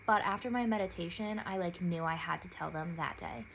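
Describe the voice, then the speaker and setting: Young woman vlogger, lower register, rambling candid storytelling, light room noise. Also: a little fast, rough recording. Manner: chatty, filler-heavy, emotional, many "like"s; raises voice high when quoting others. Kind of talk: personal storytelling vlog.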